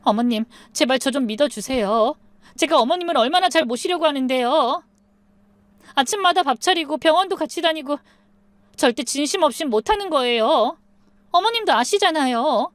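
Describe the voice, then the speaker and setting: A woman's voice: lively intonation, normal speed, no echo, lightly acted. A woman voicing a young daughter-in-law who pleads and sobs defensively. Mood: tearful. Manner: pleading, rising to shrill sobbing.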